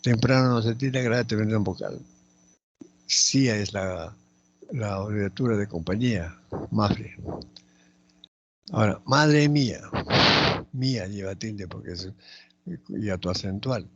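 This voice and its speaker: A man teaching a spelling lesson, slowly and methodically going through each word and repeating it aloud. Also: lowish voice, muffled recording. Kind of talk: spelling lesson, explaining accent marks.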